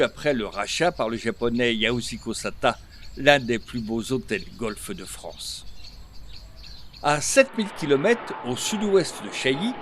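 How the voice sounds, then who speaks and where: A man reads a local news report in an even, measured manner. His voice sits at a middle pitch, and faint background noise runs under it. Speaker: voice-over reporter. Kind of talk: scripted news narration.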